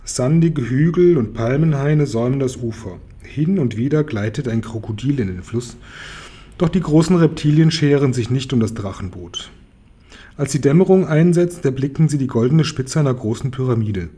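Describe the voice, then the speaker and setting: A man calmly reading a children's book aloud. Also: mid-range voice, normal speed, breathy edge. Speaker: reader.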